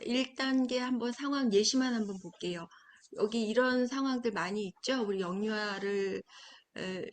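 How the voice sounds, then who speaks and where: Woman parenting coach, calm and explanatory, mid-pitched, soft near-whispers on key points. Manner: acts out child and parent lines. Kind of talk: parenting lecture.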